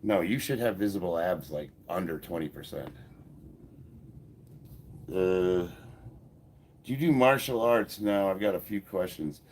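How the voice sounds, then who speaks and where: In this clip, an American man in his fifties, a powerlifter, hosts a casual livestream and bluntly answers viewer comments, swearing now and then. His low voice is a little slow and slightly mellow, with frequent pauses, and he sounds congested from a head cold. A faint hiss or hum sits under the audio.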